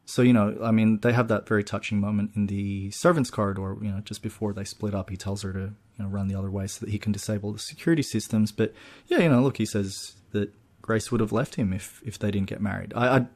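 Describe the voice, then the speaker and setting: A man on a podcast, one of its co-hosts, rattles through a film's plot at length in casual talk, peppered with "you know" and "look." His lowish, somewhat mellow voice holds a steady tone at a quick pace with barely any pauses.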